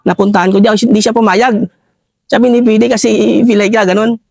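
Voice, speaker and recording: A man with a Filipino accent recounting a war story in an interview, halting and repeatedly addressing the listener as sir. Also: high-pitched, steady tone, gravelly, a little mellow, no echo. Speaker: retired army ranger scout.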